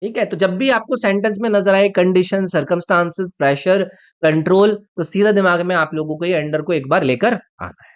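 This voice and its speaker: A man teaching an online exam-prep English lesson. He explains each point step by step, keeps asking the viewer questions, and reads the example sentences slowly and deliberately. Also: high voice, clean tone. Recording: slightly dull lo-fi recording.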